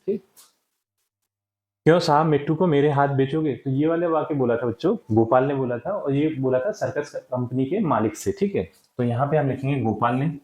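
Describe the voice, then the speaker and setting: A man teaches a textbook lesson to children in a patient, step-by-step way, checking in often and answering his own questions. His voice sits at an ordinary middle pitch. The recording has a roomy echo. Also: warm tone.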